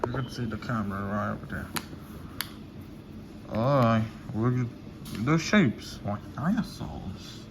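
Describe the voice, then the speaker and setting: A man's voice: mid-range voice, expressive, unhurried, long pauses. Man in casual tasting chat, noisy recording. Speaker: host of a candy tasting video. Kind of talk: casual mukbang chat with food reactions.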